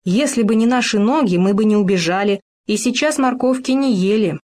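A woman's voice: mid-range voice, brisk, darkish tone, natural voice. A woman voicing a cheeky little male ground squirrel with a sly, giggly manner.

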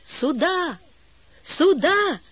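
A woman voicing a bold, impulsive young girl in an audiobook, with a high, bright child's voice. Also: sing-song, takes it slowly, no room sound, dull audio, heavily acted. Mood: excited. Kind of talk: audiobook reading.

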